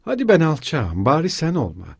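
A man's voice: a little high, huge pitch swings, a little fast, creaky, breathy edge, no echo, studio quality, pitched above the performer's own voice, heavily acted. A man voicing a feverish young male student who speaks in strained, broken-off bursts. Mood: bitter. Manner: strained, breaking off abruptly.

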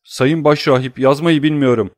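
A man's voice: mid-range voice, steady tone, normal speed, darkish tone, dry recording, clean studio sound, pitched above the performer's own voice, natural voice. A man voicing a cowardly, scheming thief who whines and pleads in an audiobook reading. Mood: pleading. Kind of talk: audiobook character voice.

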